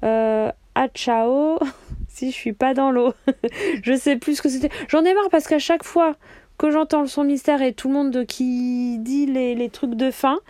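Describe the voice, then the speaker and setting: A woman's voice: high voice, steady tone, a little slow, warm tone, dry recording, studio quality. A woman leaving a rambling, self-deprecating voice message for a podcast, laughing at herself. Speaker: listener sending a voice message. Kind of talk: casual voice message.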